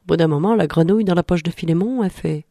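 A woman's voice: on the low side, fast talker, vocal fry, dark tone, dry recording, studio quality. A woman telling a children's story, drawn out and dramatic, dipping into whispers.

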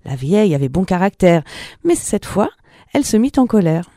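A woman reading a fairy tale aloud in a gentle storytelling manner. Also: lowish voice, sing-song, moderate pace, no room sound, clean studio sound.

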